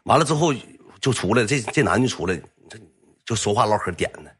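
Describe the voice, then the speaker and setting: A man with a Northeastern Chinese accent telling a comic anecdote in a rambling, profane, animated way. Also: fairly low pitch, quick pace, soft background music. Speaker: storyteller.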